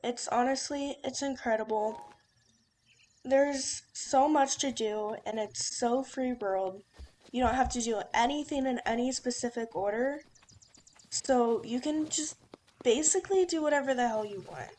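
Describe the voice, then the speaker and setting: A woman's voice: fairly high pitch, measured pace, darkish tone, slight background noise. A young woman giving casual, instructive gameplay commentary as a let's play host, chatty and with many fillers.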